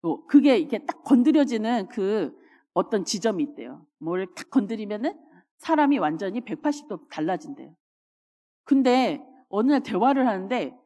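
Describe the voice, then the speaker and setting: A woman pastor preaching a sermon, telling personal stories with animated delivery and acting out scenes. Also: medium pitch. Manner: animated storytelling, acts out scenes. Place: church sanctuary. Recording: long church reverb.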